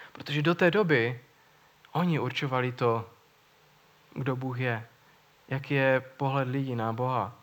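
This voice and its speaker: A man preaching a sermon in an earnest, searching way, often repeating words as he thinks. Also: a little high.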